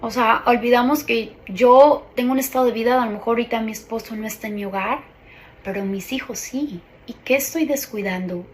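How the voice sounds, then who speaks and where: A woman's voice: on the high side, fairly quick, slight background noise, low-quality recording. A woman, a ministry coordinator giving an earnest, personal faith testimony.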